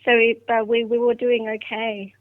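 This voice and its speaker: A woman's voice: a little high, little pitch movement, normal speed, no room sound. A middle-aged woman from Vietnam, whose first language is Vietnamese, recalls her path into science in a podcast interview, reflective and full of fillers and restarts. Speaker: guest scientist. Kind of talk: podcast interview, personal story. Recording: dry, phone-like line.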